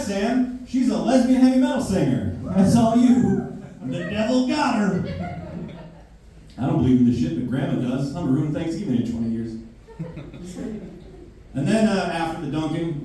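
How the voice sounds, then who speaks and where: Profane, ranting male stand-up with a dark, mellow voice, picked up from afar in a boomy basement. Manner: profane, brash, ranting delivery. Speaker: stand-up comedian. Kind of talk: stand-up comedy set. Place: basement club room with a live audience. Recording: very echoey basement, mic far off, faint hiss.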